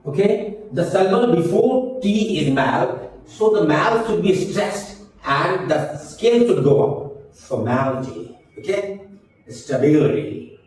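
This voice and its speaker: A man's voice: high voice, animated, very slow, darkish tone. A man, teaching a spoken-English class. He explains patiently, drills words and mixes English with Hindi. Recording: very echoey room, mic far off.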